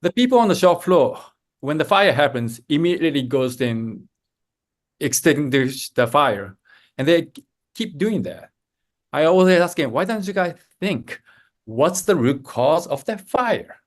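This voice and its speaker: A man's voice: fairly high pitch, sing-song, a little slow. A middle-aged man from Japan, whose first language is Japanese, answering interview questions as a consultant, thoughtful, hesitating often as he works through examples. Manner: thoughtful, builds answers from stories, frequent hesitations. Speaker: lean management consultant, guest. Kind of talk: podcast interview.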